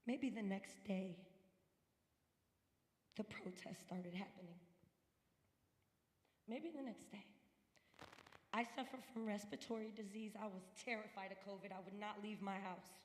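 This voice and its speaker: A woman's voice: mid-range voice, measured pace, long pauses, big-room sound. A woman from upstate New York giving an earnest, emphatic personal testimony at a church service. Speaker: guest speaker at a church service. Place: church sanctuary.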